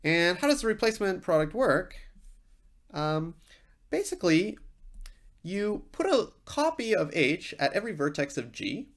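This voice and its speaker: Creaky, animated university lecturer explaining informally. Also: medium pitch, a little slow.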